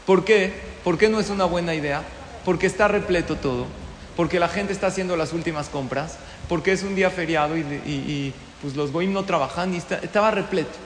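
A man giving a storytelling sermon, an animated teacher who keeps asking his listeners questions. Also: high-pitched, fairly quick, a little hiss or hum. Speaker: religious teacher. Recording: echoey hall with long reverb.

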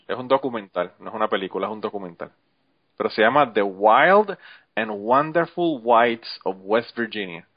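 A man's voice: mid-range voice, no room sound, muffled recording. A man co-hosting a podcast in casual chat, telling stories with frequent swearing and laughter. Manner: profane, storytelling, laughs often.

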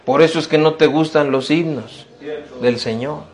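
A man's voice: on the high side, moderate pace. A man, a pastor, preaching a sermon to young people in a church, emphatic and full of repeated rhetorical questions. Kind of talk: sermon to youth.

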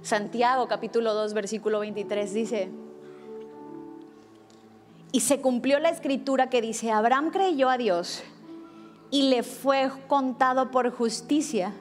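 High-voiced woman preaching over soft music. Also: slow pace, long pauses. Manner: animated storytelling with acted quotes. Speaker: pastor. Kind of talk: sermon.

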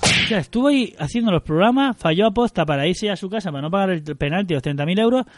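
High-voiced Spanish man, quick reactions. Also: expressive, no echo. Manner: reacts with short exclamations, swearing and laughs. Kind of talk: casual podcast chat.

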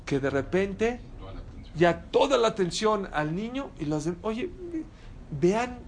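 A man's voice: high voice, lively intonation, slow pace, slight background noise. A man giving a sermon to a live audience, telling stories with rhetorical questions and Hebrew terms mixed in. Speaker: religious lecturer.

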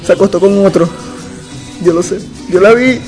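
Young dude with a really high voice doing whiny fake-dramatic bits on a web radio show, faint music behind. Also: male voice, normal speed. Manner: clowning, mock-dramatic, whiny outbursts. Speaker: co-host. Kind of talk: casual joking banter.

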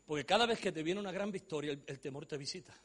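A man preaching a sermon, swinging from hushed storytelling to shouting and joking with his audience. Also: a little high, fast talker, husky.

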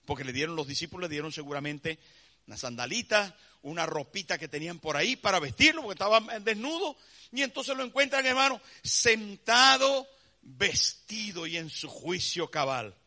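A male preacher delivers a sermon in a high, sharply forceful voice with a very bright, tense edge. He tells the story theatrically and keeps turning to the congregation with direct questions. His voice is pitched above most men's. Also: very animated, moderate pace. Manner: dramatic storytelling, acts out scenes with shouts; addresses listeners as brother, asks rhetorical questions.

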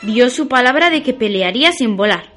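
Woman storyteller, kids' radio, high voice, swings up and down a lot. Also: normal speed, soft background music. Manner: lively, expressive reading. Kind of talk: children's story narration.

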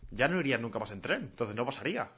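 A man's voice: medium pitch, big pitch swings, racing, sharp tone, slightly rough. Casual, slangy Spanish man streaming. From Mallorca. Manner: casual, slangy, laughs a lot. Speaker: streamer host. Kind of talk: casual chat with chat questions. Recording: dull lo-fi stream audio.

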